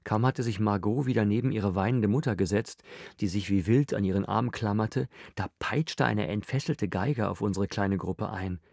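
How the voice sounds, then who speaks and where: Low-voiced male audiobook narrator. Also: normal speed, gravelly, darkish tone, no room sound, studio quality. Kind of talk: scripted narration.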